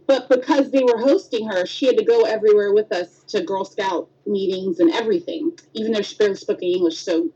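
In dull lo-fi podcast audio, a woman in her thirties co-hosts a casual chat, telling stories and acting out quotes with squeals. Her voice is medium-pitched, mellow and slightly breathy, and she talks fast with hardly any pauses.

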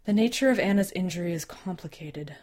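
A woman voicing a calm, formal male agent who speaks in a careful, deadpan way. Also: on the low side, a little fast. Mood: measured.

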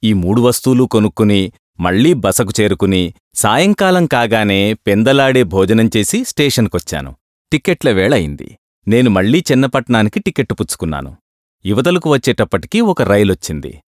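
Man, storybook narration, lively intonation, dry close mic. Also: on the low side, moderate pace, no echo. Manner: expressive first-person storytelling. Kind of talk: storybook reading.

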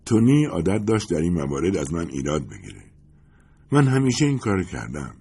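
A man reading an audiobook voices an excitable friend who gushes and rambles, speaking higher and louder than his narration. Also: vocal fry, husky, heavily acted. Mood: rambling. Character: excitable, effusive friend confessing jealousy. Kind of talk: audiobook character voice.

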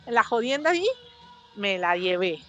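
A woman's voice: medium pitch, moderate pace, soft background music. A woman from Panama with a Panamanian Spanish accent, a podcast guest telling stories in casual chat and acting out voices. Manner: animated, acts out voices in her stories.

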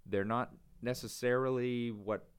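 A man's voice: medium pitch, fairly even intonation, a little slow, clear, resonant tone. A man co-hosting an education podcast, chatting casually and rambling a little, often restarting his sentences. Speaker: podcast co-host.

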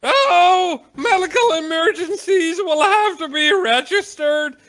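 A man's voice: slow, fairly bright tone, exaggerated voice. A man voicing a flustered, fussy, overly polite male desk clerk in a tabletop game. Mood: prissy polite. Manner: shrill, prissy politeness.

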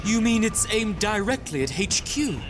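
A man's voice: high voice, big pitch swings, normal speed, music in the background. A man playing a dutiful, earnest army captain reporting to his superiors in an audio drama. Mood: urgent, alarmed. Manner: deferential, earnest. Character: dutiful, urgent young male army captain.

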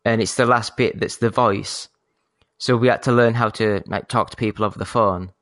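A man's voice: fairly low pitch, fairly even intonation, a bit bright, no echo. Yorkshire man hosting a gaming podcast. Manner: polite, measured phone-trained manner. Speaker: podcast host. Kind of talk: casual gaming podcast chat.

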